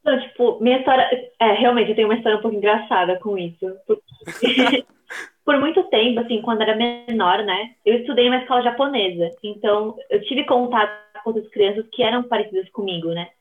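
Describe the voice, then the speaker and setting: A Brazilian-accented woman with a fairly high voice talks quickly as a guest on a podcast. She's a social media creator, and the interview is casual and chatty, full of slang and tag questions. The audio comes through a thin, phone-like remote line.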